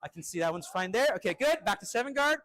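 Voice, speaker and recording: A male fencing instructor running a live drill with crisp, short commands and encouraging words. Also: sits high, lively intonation, fast talker, bright, forceful tone, no echo.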